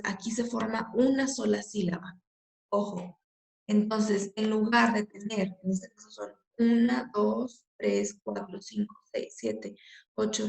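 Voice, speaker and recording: A woman's voice: on the high side, vocal fry, a little mellow. A woman teaching a poetry lesson, patiently explaining step by step and checking in often. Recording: echoey room.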